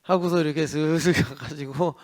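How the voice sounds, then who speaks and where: A middle-aged male pastor preaching a sermon at a church service, animated, acting out the devil and complaining people in little voices. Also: a little high, normal speed.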